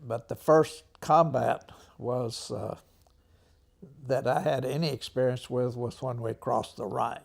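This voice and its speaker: An American man in his nineties, an old veteran remembering the war in an interview, speaking haltingly with frequent throat clearing. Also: mid-range voice, a little mellow. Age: 90s.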